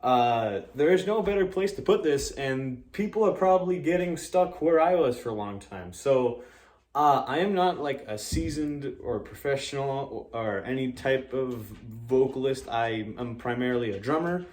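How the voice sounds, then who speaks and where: Guy explaining stuff casually, average pitch, kinda halting and modest, roomy echo. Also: animated, darkish tone. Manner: halting, informal, self-deprecating, searching for words. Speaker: amateur vocalist and drummer giving a tutorial. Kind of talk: casual explanatory vlog chat.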